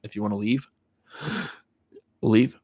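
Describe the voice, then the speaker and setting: A slightly mellow, lowish male voice with lively intonation moves at a slow pace, though a cold leaves it nasal and stuffy. The man, in his thirties, is a YouTuber hosting a casual live watch party, chatting loosely while reading viewer comments aloud and answering them.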